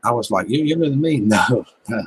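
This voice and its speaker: Expressive and a little fast, a medium-pitched voice with a breathy edge comes through with no echo. It belongs to a fifty-something Southern American man hosting a gardening livestream, chatting over viewer comments with relaxed, folksy humor.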